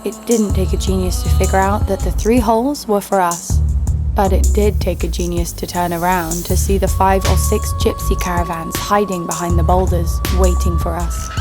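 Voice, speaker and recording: This woman's voice is on the low side, steady in tone and moderately paced, close to how she'd normally speak. She voices a hard-bitten, cynical bounty hunter recounting her own exploits in scripted first-person drama narration, with a wry, sardonic coolness. Music plays in the background.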